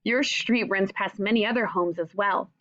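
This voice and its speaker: Reading a picture book to young children, a woman teacher speaks to them directly, asking simple questions and adding asides along the way. Her voice is mid-range and a bit bright, at normal speed, in a recording with no room sound and the highs cut off.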